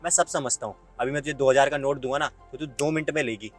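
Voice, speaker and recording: A man's voice: mid-range voice, fairly even intonation, fast, faint music behind, lightly acted. A young man playing an arrogant, boastful rich man who insults his ex-girlfriend in a web skit. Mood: taunting. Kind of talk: Hindi web skit acting.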